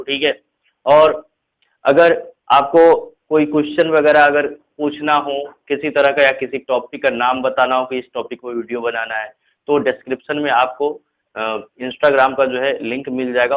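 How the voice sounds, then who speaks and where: A man teaching a casual spoken lesson. He explains slowly with repeated examples, mixes in English words, and keeps checking in with "theek hai". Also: mid-range voice, rough recording.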